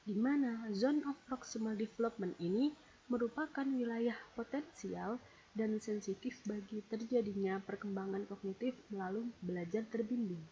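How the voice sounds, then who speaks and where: On a dull lo-fi recording with a faint hiss, a woman presents a psychology theory in a read-out lecture. Her voice is mellow and medium-pitched at a moderate pace as she steadily explains and numbers her points one by one.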